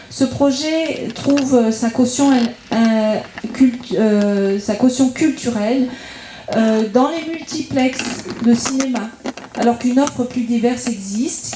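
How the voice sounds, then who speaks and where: Her voice is mellow and on the high side, with a little hiss or hum in the recording. A French woman from France, acting as a local campaigner, delivers a prepared political speech in the echoey indoor meeting room of a public debate, arguing methodically point by point.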